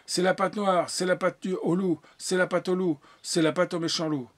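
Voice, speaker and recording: A man voicing small goat kids in a fairy tale, chanting in a raised high voice. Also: fairly even intonation, moderate pace, natural voice. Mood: shrill.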